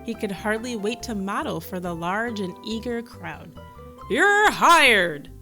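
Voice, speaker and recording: A woman reads a children's picture book aloud, drawing in young listeners with questions and little asides. Her mid-range voice is a bit bright and moves at a moderate pace, with faint music in the background.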